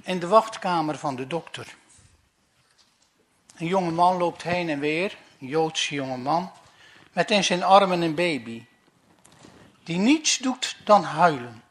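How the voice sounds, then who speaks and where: A man telling a string of jokes in a deliberate storytelling manner. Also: on the high side, animated, a bit bright. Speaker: joke teller.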